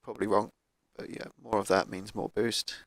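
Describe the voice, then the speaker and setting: A man with a croaky voice from a cold, casually talking through car tuning as he plays a game on a cheap microphone. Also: on the low side, little pitch movement, moderate pace, dry recording, studio quality. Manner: thinking aloud, laid-back, with fillers. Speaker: gaming YouTuber. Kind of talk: casual gameplay commentary.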